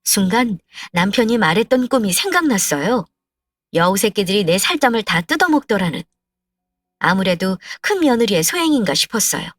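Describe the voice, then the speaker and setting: A woman telling a first-person story in a calm, heartfelt way, recorded a little away from the mic in a dry space. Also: medium pitch, dry recording, recorded from a distance.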